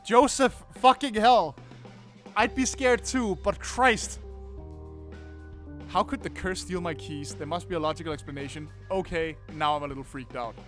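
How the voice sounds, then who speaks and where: With faint music in the background, a young man running a gaming channel reads game text aloud at a normal speed in a high voice. His reactions are animated, peppered with frequent swearing and laughter.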